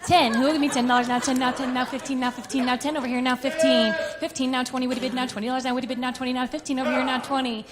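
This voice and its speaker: Fast-chanting, higher-pitched female auctioneer. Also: flat delivery, very noisy. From Kansas City, United States. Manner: rhythmic, repetitive bid calling. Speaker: auctioneer, contest competitor.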